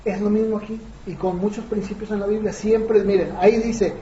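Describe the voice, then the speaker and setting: A man's voice: sits high, fairly even intonation, fairly quick, warm tone, a little hiss or hum. A man preaching a conversational sermon, often asking the congregation rhetorical questions. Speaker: pastor. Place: church hall. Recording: echoey, dull lo-fi church room recording.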